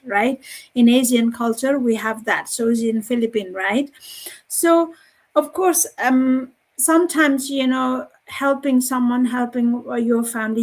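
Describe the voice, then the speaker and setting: Nepali-accented woman, halting and earnest. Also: fairly high pitch. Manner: halting, many fillers and restarts, non-native phrasing. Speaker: panel guest. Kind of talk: live online panel chat.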